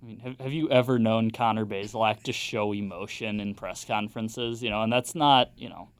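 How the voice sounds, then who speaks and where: A young man on a sports podcast, calmly analyzing a college football team. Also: fairly low pitch, clear, resonant tone, no room sound. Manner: measured, analytical. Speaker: podcast co-host, sports reporter.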